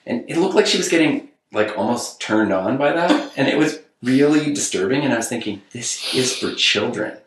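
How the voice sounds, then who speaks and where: A man in his thirties chatting as a podcast guest, telling his views in an animated, incredulous way. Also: medium pitch, fairly quick, few pauses. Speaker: guest co-host. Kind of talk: casual podcast chat. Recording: roomy room echo, faint hiss.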